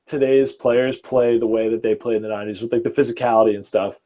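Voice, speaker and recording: Young male podcast host in his twenties, mid-pitched, eager and rambling. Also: level tone, fast talker, dark tone. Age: early 20s. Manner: enthusiastic, rambling, fillers and restarts. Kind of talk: casual sports chat.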